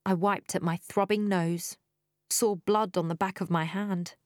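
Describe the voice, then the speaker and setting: A woman's voice: medium pitch, fairly even intonation, unhurried, darkish tone, no echo, studio quality. A woman reading a first-person story aloud, wry and dryly humorous, growing breathless in the tense stretches. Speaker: audiobook narrator. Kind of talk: first-person audiobook narration.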